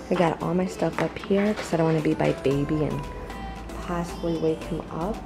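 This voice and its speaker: A young woman chatting casually while filming a home vlog about her day with her baby and dogs, sometimes whispering so her sleeping baby stays asleep. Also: on the low side. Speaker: vlogger and mother.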